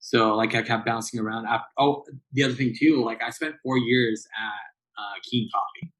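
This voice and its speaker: On poor audio, a man of about thirty-eight or thirty-nine talks at normal speed in a medium-pitched, slightly bright voice. He's a barista guest from Southern California, rambling casually through an interview with lots of fillers and restarts.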